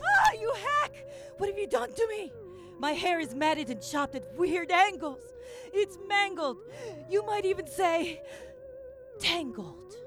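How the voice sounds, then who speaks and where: A woman's voice: extremely high pitch, big pitch swings, slow pace, exaggerated voice. A woman playing an outraged, vain salon victim in a melodramatic parody film, in noisy trailer sound.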